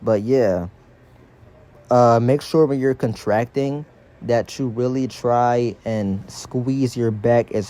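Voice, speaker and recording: A man's voice: mid-range voice, warm tone. A man giving a casual, slangy exercise tutorial as a fitness instructor, his speech slightly impeded by dental braces.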